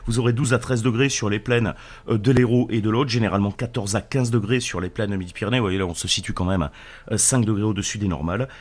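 A man's voice: on the low side, quick pace, darkish tone. A man in a radio studio presenting the weather forecast in a chatty, joking way, with small hesitations and fillers.

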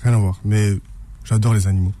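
A low, mellow male voice from France, talking as an interview guest. He speaks haltingly, pausing on fillers and restarting his sentences. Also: fairly even intonation. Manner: hesitant, many fillers and restarts. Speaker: author guest. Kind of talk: radio interview.

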